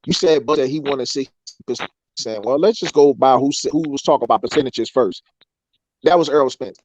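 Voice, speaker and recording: A man's voice: mid-range voice, fairly quick, a little mellow, highs cut off. A man on a boxing talk show arguing his point step by step over an online call, his voice chopping up and stuttering from a bad internet connection. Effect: choppy buffering stutter from a bad internet connection. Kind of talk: casual debate on a call-in show.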